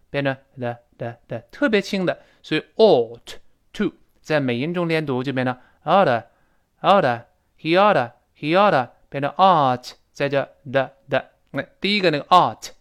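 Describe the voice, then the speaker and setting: A man teaching spoken English, who explains pronunciation and repeats words slowly and carefully, chatting with asides and soft laughs. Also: fairly high pitch.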